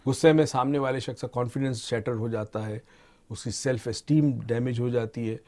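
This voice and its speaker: A middle-aged man explaining ideas to a host in an unhurried teaching way, slipping English terms into his talk. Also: medium pitch. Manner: calm teaching tone, mixes English terms into Urdu. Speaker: expert guest on motivation and mind training. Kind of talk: explanatory discussion.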